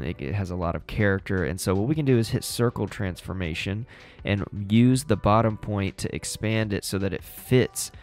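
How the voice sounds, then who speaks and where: A young man hosting a design tutorial, relaxed and upbeat, explaining each step casually into a studio mic. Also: fairly low pitch. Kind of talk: casual screen-recorded tutorial. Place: small home studio indoors. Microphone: studio mic on boom arm.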